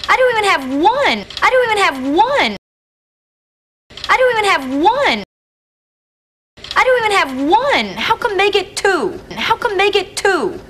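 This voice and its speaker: A woman's voice: extremely high pitch, sing-song, a little slow, long pauses, fairly bright tone, slight background noise, full character voice. A plaintive young single woman. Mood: whiny. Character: young woman, anxious, self-doubting single. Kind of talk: sitcom acting.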